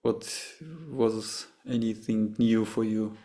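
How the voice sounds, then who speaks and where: A man from Russia with a Russian accent, a meditation teacher answering questions after a session, halting and often restarting as he searches for words. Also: fairly low pitch, level tone, warm tone.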